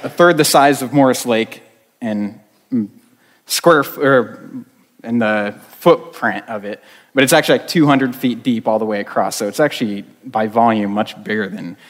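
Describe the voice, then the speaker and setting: Youth pastor preaching in a reverberant hall. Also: male voice, mid-range voice. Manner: conversational with frequent fillers. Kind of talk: sermon. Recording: long reverb of a large hall.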